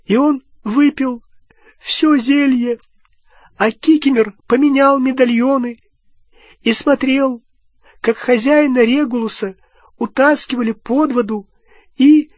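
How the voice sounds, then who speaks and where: A squeaky, high, wailing old house-elf, servile and heartbroken, stammering through his sobs. The voice is husky and loud, and it sits close to the mic in a dry space. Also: fairly even intonation, slow, long pauses, no room sound, full character voice. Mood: sobbing. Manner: sobbing, stammering, speaks of himself in third person.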